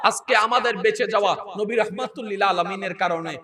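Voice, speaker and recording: A man with a Bangladeshi Bengali accent preaches in a high, ringing voice at a packed religious gathering, and a large crowd can be heard around him. He swings from quiet asides to loud, rhythmic shouting. He calls out to the listeners and draws answers from them. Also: brisk, heavy background noise. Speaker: Islamic preacher. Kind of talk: fervent waz sermon with call-and-response. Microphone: handheld or stand microphone on a PA system. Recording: live recording with a crowd around.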